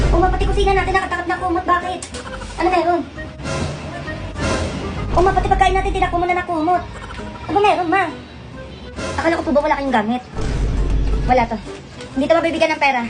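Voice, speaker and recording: A woman in comic family skits, talking in a quick, scolding, exasperated way. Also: very high voice, fairly even intonation. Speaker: comedy skit creator. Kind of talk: comic skits playing several family roles. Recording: skit clip with loud music behind.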